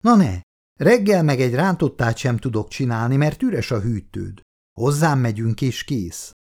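A man's voice: mid-range voice, big pitch swings, a little mellow. A man voicing a confident, flirtatious woman who speaks firmly and teasingly in an audiobook story. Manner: firm and teasing.

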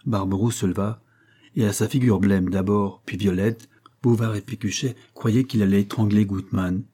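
Husky, dark-voiced male narrator. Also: on the low side, fairly even intonation. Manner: measured, phrase-by-phrase reading. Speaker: audiobook narrator. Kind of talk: scripted narration.

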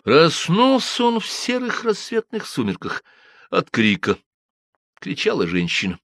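A man narrating an audiobook in an expressive storytelling manner on a close studio mic. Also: a little high, measured pace, creaky, dry recording. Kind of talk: scripted narration.

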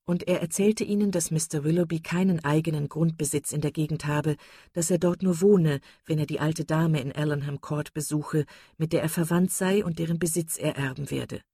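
A woman narrating a classic novel in a measured, steady audiobook reading. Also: deep voice, slightly rough, no room sound, studio quality. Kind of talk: scripted narration.

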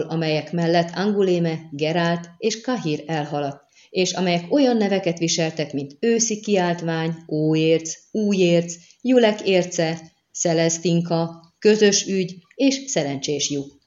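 A woman narrating an audiobook in a measured, even reading style. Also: deep voice. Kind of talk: scripted narration. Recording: dull lo-fi audio.

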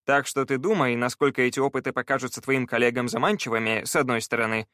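A man reading an audiobook, voicing a cheerful, practical male treasure hunter in a raised, lively voice. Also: medium pitch, fast, no echo, studio quality, natural voice. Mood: brisk.

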